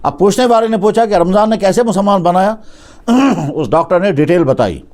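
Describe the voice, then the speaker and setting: A man's voice: sits high, animated, darkish tone. A man preaching a storytelling sermon, retelling a story and acting out its dialogue with conversational restarts.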